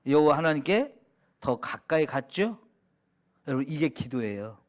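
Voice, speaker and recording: High-voiced Korean pastor with a Chungcheong accent. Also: male voice, sing-song, moderate pace. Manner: conversational, asks the congregation questions and answers them; drops to a soft hush when quoting prayers. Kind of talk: sermon.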